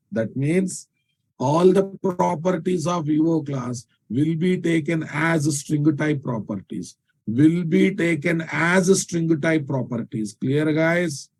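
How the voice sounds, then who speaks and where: A man with a Telugu Indian accent lectures live on programming. His voice sits a little high for a man and has a very soft, mellow tone. He repeats key phrases for emphasis and often stops to ask whether learners follow. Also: breathy edge, poor audio. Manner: repeats phrases for emphasis, checks understanding with questions. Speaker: programming teacher.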